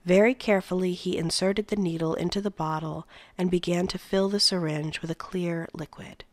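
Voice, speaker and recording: A woman reading a novel aloud in a soft voice that often drops near a whisper. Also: on the low side, steady tone, moderate pace, dry recording. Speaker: read-aloud narrator.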